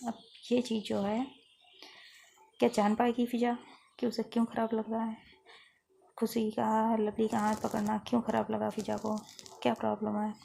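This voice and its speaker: A woman retells a story in an easy, conversational way. Her voice is somewhat high but flat, thick with vocal fry, and darkly mellow in tone, with faint noise in the recording. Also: normal speed, pauses often. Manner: plain conversational retelling with quoted dialogue. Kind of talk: casual spoken story retelling.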